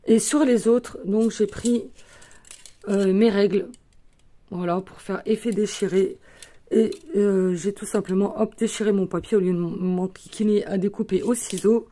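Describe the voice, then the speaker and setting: An unhurried woman with a medium-pitched, warm, steady voice hosts a craft tutorial. Chatting casually, she handles and presents her materials while peppering her speech with little fillers like "euh" and "voilà."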